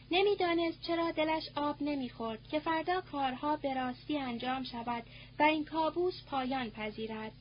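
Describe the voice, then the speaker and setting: Narrator: woman, high voice, measured audiobook reading, muffled tape with faint hum. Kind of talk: scripted narration.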